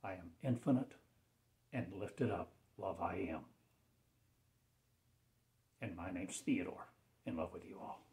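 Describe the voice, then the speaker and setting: A man with a low voice, posing as a self-styled preacher, delivers a rambling spiritual proclamation. He speaks in solemn, halting fragments that frequently drop into hushed, almost whispered phrases.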